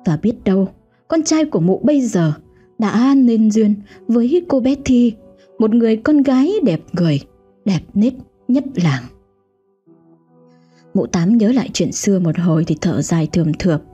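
A woman narrates a ghost story in scripted, dramatic fashion, her voice mellow and a little husky with a lively, swinging melody. The audio is dull and lo-fi, with faint music running underneath. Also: mid-range voice, moderate pace. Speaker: storyteller host.

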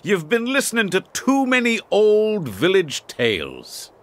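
A man voicing a big, jovial doctor in a storybook reading, hearty and unhurried. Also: sits high, wildly swooping pitch, pitched above the performer's own voice, full character voice. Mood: teasing. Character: big jovial Irish country doctor, calm.

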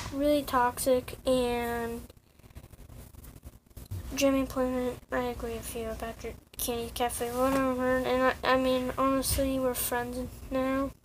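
High-pitched young woman, slow halting rant. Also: a little hiss or hum, rough recording. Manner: rambling, halting, many fillers and restarts. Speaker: online community vlogger. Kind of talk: casual rant to camera.

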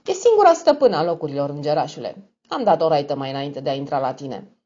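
A woman's voice: deep voice, big pitch swings, warm tone, voice pushed down. Sneering blackmailer, as a woman puts him on. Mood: mocking. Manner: mocking, affected tone. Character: smug sneering young male blackmailer. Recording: dull lo-fi recording.

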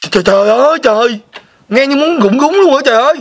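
An actor playing a greedy, boastful eldest son, loud and excitable, with a slightly husky voice, in a comic family melodrama. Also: male voice, very high voice, quick pace. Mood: excited.

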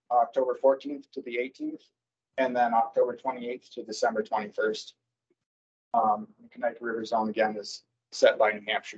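A man presenting wildlife season recommendations at a public board meeting, speaking haltingly with many fillers and self-corrections over a video call. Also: medium pitch, darkish tone, husky. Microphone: computer mic on a video call. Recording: dull lo-fi video call audio.

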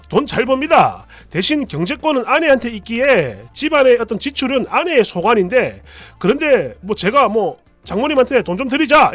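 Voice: medium pitch, no room sound. A storyteller in scripted narration, telling a family story in a chatty, confiding way.

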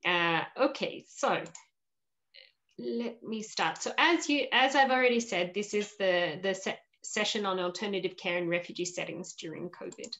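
Over a laptop-webcam video call from her shelf-lined home room, a woman in her forties hosts an online panel. Her voice is medium-pitched and a bit bright, her pace moderate, and her manner upbeat and welcoming, though full of fillers.

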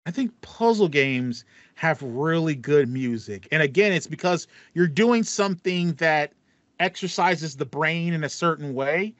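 A man in his thirties with an expressive, highish voice speaks at a measured pace while co-hosting a casual video game podcast, repeating himself to stress points. He's on a video call in a small foam-paneled home room, and the recording, free of room sound, is slightly dull and band-limited.

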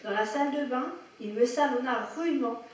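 A woman storyteller reading a children's picture book aloud with lively expression. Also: sits high, normal speed. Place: indoor room at a public story reading. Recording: echoey room, heard from a distance, faint background ambience.

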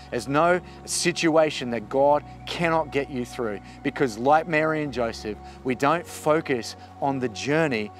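A man, a pastor giving an earnest, encouraging sermon on a forest path. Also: on the high side. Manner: earnest, encouraging preaching with emphatic rises. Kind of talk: outdoor video sermon. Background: soft music.

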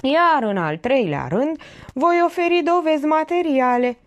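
A woman's voice: high-pitched, animated, highs cut off, pitched above the performer's own voice. A woman voicing a pompous, theatrical older male notary. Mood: solemn. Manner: pompous, theatrical, drawn-out emphasis.

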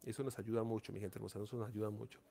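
A man's voice: on the low side, steady tone, rapid-fire, creaky, dark tone. A man hosting a long casual live stream, talking to viewers in an affectionate, repetitive, coaxing way. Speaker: livestream host. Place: seated indoors.

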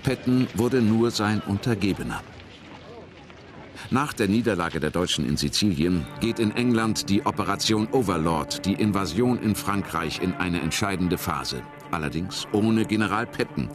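Low voiced guy narrating a history documentary, faint music under him. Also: expressive, normal speed.

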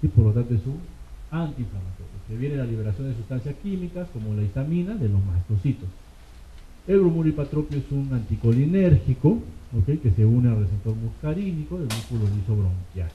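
A man lectures medical students at a mid-range pitch, firing off questions and answering them himself, checking in with a quick "ok?". The sound is thin and phone-like, and the room around him rings with echo. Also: big pitch swings, a little hiss or hum. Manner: rhetorical questions, frequent "ok?" check-ins. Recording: tinny, echoey classroom recording.

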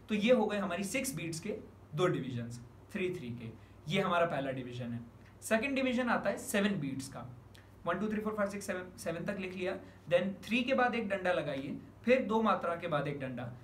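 A man teaching a music lesson step by step, counting beats aloud, stressing the first of each group and mixing in English words. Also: high voice. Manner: explains in Hindi mixed with English words. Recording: echoey room with audible noise.

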